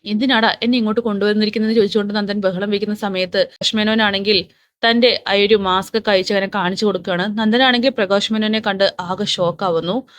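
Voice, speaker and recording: A woman narrating a recap of a TV serial episode in a brisk storytelling manner. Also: medium pitch, steady tone, fairly bright tone, dry recording.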